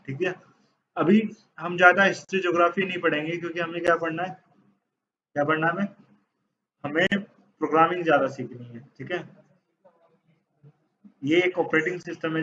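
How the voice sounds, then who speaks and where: A man's voice: fairly high pitch, a bit bright, lo-fi sound, slight background noise. A man teaching a programming class, asking questions and answering them himself as he switches between Hindi and English. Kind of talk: classroom lecture.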